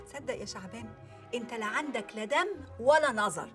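A woman's voice: a little high, fairly quick, a bit bright, soft background music, lightly acted. An actress playing a frazzled, scolding Egyptian mother. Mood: exasperated. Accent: Egyptian Arabic. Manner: exasperated scolding. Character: frazzled short-tempered mother, sharp-tongued. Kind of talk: TV comedy series acting.

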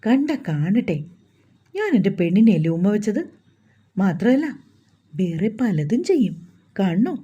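A woman's voice: mid-range voice, big pitch swings, a little slow, pauses often, dark tone, breathy edge, dull audio. A woman reading the lines of a playful young man who teases his bride-to-be. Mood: teasing.

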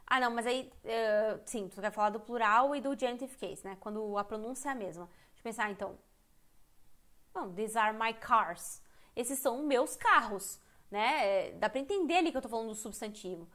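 A Brazilian woman with a fairly high voice teaches English in a live online lesson. She talks candidly and chattily and often breaks off mid-sentence to restart her thought. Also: lively intonation, brisk, a bit bright. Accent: Brazilian Portuguese. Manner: candid, chatty, self-interrupting. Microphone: computer mic on a live stream.

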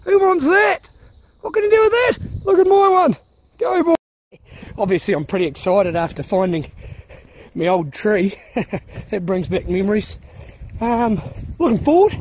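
A young man talking to his phone on a hill walk, joking in a deadpan way as he walks. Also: high-pitched, a little hiss or hum. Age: young adult. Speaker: vlogger. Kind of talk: casual walking vlog. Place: outdoors on a hill walk in a park. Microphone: phone at arm's length.

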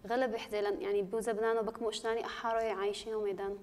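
A woman's voice: mid-range voice, flat delivery, very fast, a little mellow, long reverb tail. A woman presenter interviewing a priest on a religious TV program, asking questions and thanking him. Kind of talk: interviewing a guest.

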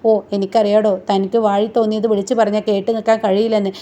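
A woman's voice: medium pitch, flat delivery, quick pace, dark tone, close to an everyday voice. A woman voicing an angry, reproachful male lawyer. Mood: heated. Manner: reproachful, heated.

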